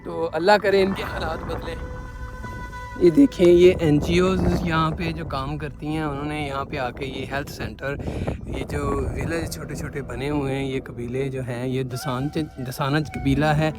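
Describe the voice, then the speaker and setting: Narrating a casual travel vlog outdoors in a windy rural village, a man from Pakistan with a Punjabi accent speaks at normal speed in a voice on the high side. He shows things off conversationally, repeating pointing phrases, as music plays in the background.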